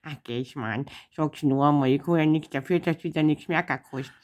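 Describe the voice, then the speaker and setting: A woman's voice: low voice, a little fast, darkish tone. A woman with a Bavarian accent hosting a casual comedic chat, bossy and teasing as she corrects someone. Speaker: show host teaching Bavarian.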